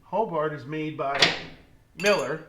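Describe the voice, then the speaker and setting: A man doing a casual vlog from his garage workshop, relaxed and explaining his fabrication work step by step. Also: fairly high pitch, unhurried, heavy background noise. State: out of breath at times. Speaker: metal fabricator. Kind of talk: casual shop vlog talk.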